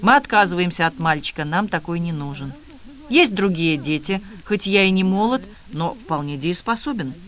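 A man reading the lines of a cold, stern older male scientist who talks curtly and flatly. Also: sits high, normal speed. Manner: curt and flat.

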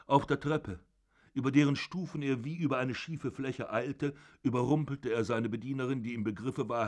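Man reading a literary story calmly. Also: medium pitch. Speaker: audiobook reader. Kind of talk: literary audiobook narration.

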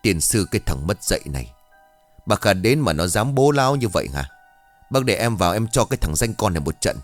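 Hot-tempered village father, played by a man, low voice, angry, cursing, storybook. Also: quick pace, soft background music, lightly acted. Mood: furious.

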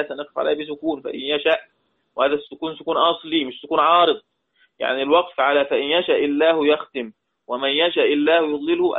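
A man with an Egyptian accent teaching a lesson on Quran recitation rules, quoting verses slowly and then explaining them quickly in colloquial speech while quizzing his students. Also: a little high. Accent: Egyptian Arabic. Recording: tinny phone-like audio.

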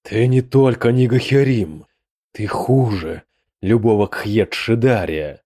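A man voicing a hot-tempered rotting demon prince who speaks in sharp, fierce outbursts. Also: lowish voice, takes it slowly, husky, dry recording, clean studio sound, exaggerated voice. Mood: furious.

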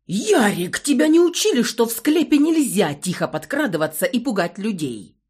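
A woman's voice: fairly low pitch, sing-song, normal speed, a little mellow. A woman voicing a joking, sarcastic man of thirty in an audiobook. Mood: scolding. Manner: teasing, sarcastic. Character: thirty-year-old man, joking, wry.

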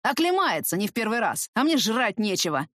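A woman voicing a coarse, hoarse, drunken mother who swears shrilly. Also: a little high, very animated, a little fast, fairly bright tone, dry recording, studio quality. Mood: defiant. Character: harsh drunken neglectful mother, coarse and whining.

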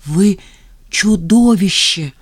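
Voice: mid-range voice, drawn-out words, slightly rough. A reader voicing a prim, touchy bookish man. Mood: indignant. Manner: indignant, stiff.

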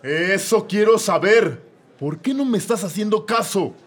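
A man with a Mexican accent voices an irritable, bossy judge in a comedy radio drama, barking orders in exasperation. His voice is high-pitched with lively intonation and an unhurried pace, with background noise present.

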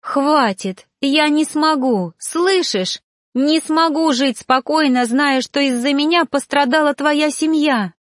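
Desperate young heroine, pleading and near tears, a touch higher , a woman reader doing her. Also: slow, no room sound, studio quality.

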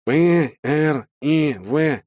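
A man playing a loud crude soldier. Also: a little high, extremely slow, dry recording, studio quality, voice pushed up. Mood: amazed, crude. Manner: coarse shouting. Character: crude brash male soldier, loud mocking bully.

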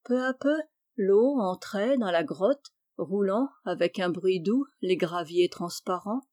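A woman reading a classic story aloud in measured, descriptive narration. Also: medium pitch, lively intonation, a little mellow, no room sound, clean studio sound. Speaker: reader.

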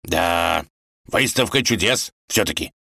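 Fairy-tale tsar, old, stubborn and grumbling, slow drawn-out lines, read by a man. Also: low-pitched, animated, vocal fry, sharp tone, no echo, studio quality, exaggerated voice. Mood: musing.

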